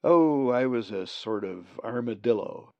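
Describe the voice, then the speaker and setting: A man's voice: medium pitch, lively intonation, unhurried, no echo. A man voicing a chatty mythical male creature who rambles in an offhand way. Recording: dull dry lo-fi recording.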